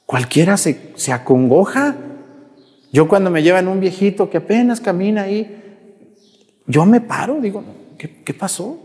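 A man's voice: high voice, normal speed, long pauses, a little mellow. A man, a parish priest giving a chatty, teasing sermon, acting out his parishioners' voices. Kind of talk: sermon with storytelling. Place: church. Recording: long church reverb.

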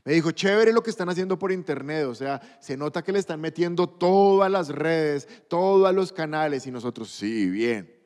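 A man preaching a sermon as pastor, emphatic and building to loud bursts. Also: a little high, animated, brisk, few pauses, big-room sound.

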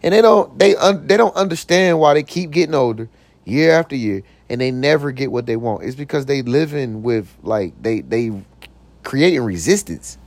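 Expressive and talking at normal speed, a young man whose voice recently deepened hosts his own podcast, recorded without echo. It's a casual motivational talk delivered loosely, full of slang and "you know what I'm saying," with jokes and silly voices along the way.

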